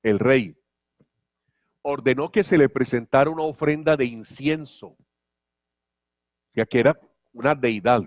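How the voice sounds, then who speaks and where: A male pastor preaching a sermon, telling stories with animated humor. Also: mid-range voice, a little slow, pauses often, dry recording, studio quality.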